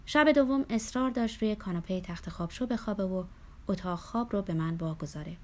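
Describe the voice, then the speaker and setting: A woman reading a first-person novel aloud. Her delivery is steady and measured in a mid-range voice. She carries long narrative passages without hurry. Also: mid-range voice. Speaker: audiobook narrator.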